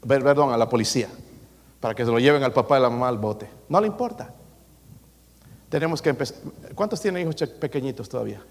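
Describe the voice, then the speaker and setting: A man's voice: mid-range voice, expressive, fast talker, pauses often, big-room sound. A man preaching as a pastor, emphatic and joking, acting out quotes. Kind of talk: sermon.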